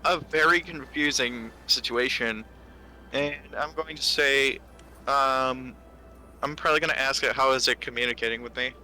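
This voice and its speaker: Hesitant man with a very bright voice. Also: mid-range voice, normal speed, soft background music. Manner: hesitant, thinking aloud. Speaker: player. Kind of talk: playing a tabletop game.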